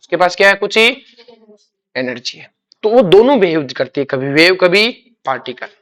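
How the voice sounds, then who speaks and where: A man's voice: sits high, very animated, fairly bright tone. A man teaching a chemistry class, explaining with homely examples and often asking students to repeat key words. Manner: asks quick check questions and repeats key words; calls students "beta", uses homely examples. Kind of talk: classroom lecture.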